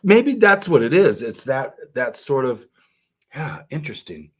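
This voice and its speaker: A man's voice: medium pitch, sing-song, slightly rough. A middle-aged man co-hosting a wine podcast, talking casually with many fillers and restarts. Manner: chatty, halting with many fillers. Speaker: podcast co-host. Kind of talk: casual wine-tasting chat.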